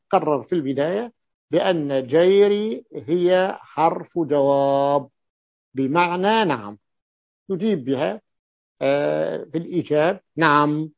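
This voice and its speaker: A man teaching a grammar class, going over each point slowly and repeating it until it sticks. His voice sits somewhat high. The recording is dry and a little muffled. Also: creaky, dry recording. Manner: explains step by step, repeats key points. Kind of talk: grammar lesson explanation.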